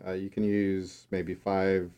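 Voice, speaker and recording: A man co-hosting a radio call-in style show, talking in a relaxed, unhurried chat. His voice sits fairly low and sounds dark and mellow. He chuckles easily and explains things at length. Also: clean tone. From Texas.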